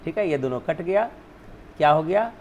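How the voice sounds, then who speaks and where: A man's voice: fairly high pitch, expressive, normal speed, darkish tone, dull audio, slight background noise. A male teacher whose first language is Hindi, explaining spelling rules step by step, often asking and then answering his own questions. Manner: repeats "ठीक है ना", asks and answers own questions.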